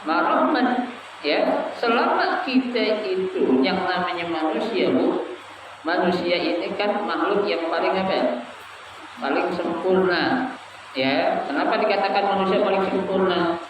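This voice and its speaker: In an Islamic study lesson to a live group, a high-voiced man speaks unhurriedly, putting questions to the audience and letting them respond, and chanting Arabic phrases in a sing-song manner. The background is noisy, and his voice comes from far off in an echoey room with dull sound.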